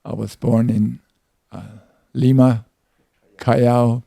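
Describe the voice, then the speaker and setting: An older man in his eighties from Peru speaks slowly and with care, his gravelly voice dark and heavy. The sound is dry and close, with no room around it. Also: mid-range voice, flat delivery, dry recording. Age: 80s. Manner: slow, deliberate recollection with repeated words. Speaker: interviewee. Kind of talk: oral history interview.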